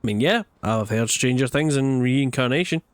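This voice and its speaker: A man's voice: medium pitch, moderate pace, no room sound. A man commenting as he plays a game, sarcastic and blunt with the characters. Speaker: gaming channel host. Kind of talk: let's play commentary.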